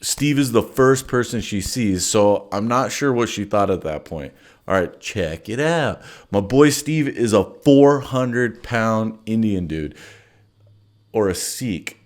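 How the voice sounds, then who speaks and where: Rambling, profane male storyteller. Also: lowish voice. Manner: crude, profane, rambling with many fillers. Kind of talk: casual storytelling monologue.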